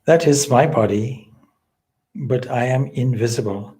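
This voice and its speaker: A man acting as a spiritual teacher guides a meditation in a mellow, mid-range voice, though the recording quality is low. He speaks in solemn, deliberate, measured phrases with long pauses.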